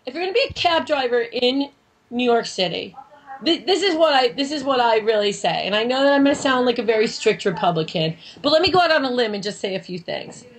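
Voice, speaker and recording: A woman host from near the Canadian border, telling a story in an emphatic, bossy, rapid-fire way. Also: a little high, animated, a little hiss or hum, poor audio. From northern United States, near Canada. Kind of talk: casual storytelling chat.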